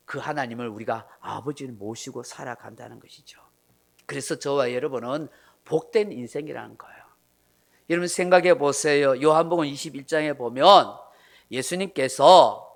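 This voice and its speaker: A male pastor preaches a sermon emphatically, with many rhetorical questions. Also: on the high side. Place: church.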